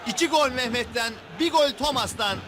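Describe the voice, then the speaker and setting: Male football commentator, very high excited delivery, raised voice, noisy 1990s sports broadcast. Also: moderate pace, a crowd in the background. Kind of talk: match highlights commentary.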